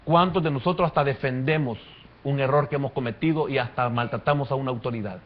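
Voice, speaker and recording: A man preaching a sermon as pastor, swinging from quiet to loud. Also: medium pitch, fast. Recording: muffled lo-fi church recording.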